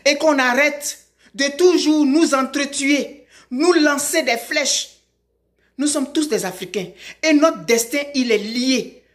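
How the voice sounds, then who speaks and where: A woman's voice: high voice, slow. A middle-aged woman from Ivory Coast making an emphatic direct-to-camera appeal, repeating her calls for emphasis. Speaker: vlogger.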